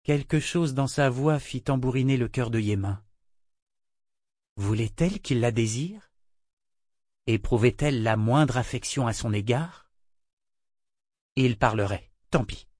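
A man narrating a novel in a measured, even storytelling voice. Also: mid-range voice, dry recording, clean studio sound. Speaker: audiobook narrator. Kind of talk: scripted narration.

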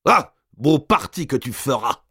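A man's voice: medium pitch, very animated, measured pace, fairly bright tone, slightly rough, dry recording, studio quality, voice pushed up, exaggerated voice. A man reading an audiobook, voicing a domineering, gluttonous older countess who shrieks in fury. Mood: furious. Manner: shrieking, furious outbursts. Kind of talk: audiobook character voice.

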